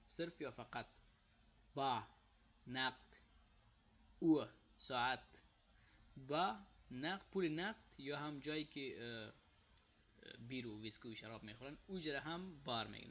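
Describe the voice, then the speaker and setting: Man, afghan dari accent, bright voice, slightly muffled recording with faint room noise, teaching. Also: medium pitch. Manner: repeats example words slowly and loudly, then explains softly. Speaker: language teacher. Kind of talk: casual spoken lesson.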